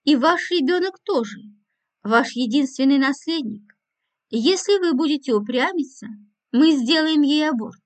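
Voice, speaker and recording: A woman's voice: high-pitched, animated, measured pace. Woman doing a menacing fake kidnapper voice. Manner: ominous, clipped. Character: young woman faking a kidnapper's menacing disguised voice.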